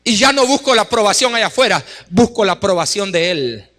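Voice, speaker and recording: With a bright, forceful voice that sits high, swings widely in pitch, and moves fairly quickly, a male pastor delivers a Sunday sermon in the church sanctuary. He urges the congregation on with repeated emphatic calls and plays both wife and husband in little asides. Recorded live in a hall with echo and music.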